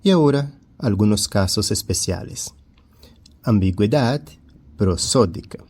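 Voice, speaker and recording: Portuguese-speaking guy teaching spanish, slow and careful, repeats the words, low husky voice. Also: animated, a little mellow. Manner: switches between Portuguese and Spanish. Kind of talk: classroom-style lesson.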